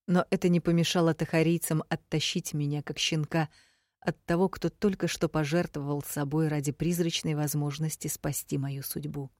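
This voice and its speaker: A woman reading a first-person fantasy audiobook, measured and emotive. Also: sits low, a little mellow, dry recording, studio quality. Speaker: audiobook narrator.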